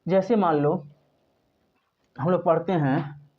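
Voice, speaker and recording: A man's voice: on the high side, slow pace. A male teacher from India speaks, explaining a lesson step by step. He repeats himself patiently and keeps posing questions that he then answers. The recording sounds dull and lo-fi. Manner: patient, repeats points, asks and answers his own questions. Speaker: English teacher. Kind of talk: spoken classroom lesson.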